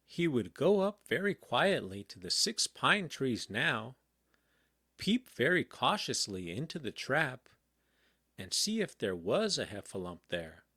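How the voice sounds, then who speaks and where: A man reading a children's storybook aloud in a calm, gentle bedtime manner. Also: medium pitch, breathy edge, no room sound, clean studio sound. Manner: slow, gentle, very expressive. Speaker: audiobook reader.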